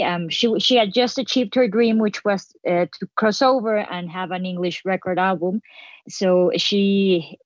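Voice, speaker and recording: A woman's voice: fairly low pitch, no echo, muffled recording. A woman from Mexico with a Mexican accent, a filmmaker guest speaking earnestly in a radio interview, often restarting her words.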